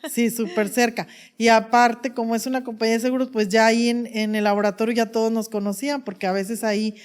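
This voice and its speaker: A woman's voice: on the high side, flat delivery, fast talker, clear, resonant tone. Woman pastor telling an emotional testimony. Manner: emotional storytelling with many fillers. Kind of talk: testimony in an interview.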